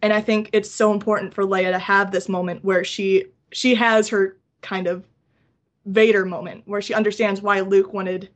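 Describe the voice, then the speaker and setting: Woman, podcast guest, casual chat, enthusiastic, long excited runs. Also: medium pitch, moderate pace.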